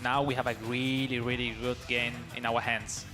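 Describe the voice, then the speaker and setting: Over music, a Spanish-speaking man delivers live esports analysis in eager, non-native English with a medium-pitched voice. His delivery is completely flat, though he makes quick rising calls during play.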